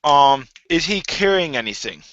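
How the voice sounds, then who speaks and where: A man's voice: on the high side, lively intonation, normal speed, fairly bright tone, no room sound. A man with a slightly raised voice plays his character in a tabletop game, casual and blunt, swearing freely. The sound is dry, muffled and close. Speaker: player. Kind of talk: tabletop role-play, in character.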